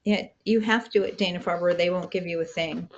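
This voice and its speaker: A woman's voice: on the low side, fairly even intonation, brisk, highs cut off, slight background noise. A woman moderating a support group over a video call, chatty and wry, asking the others questions. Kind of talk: casual chat.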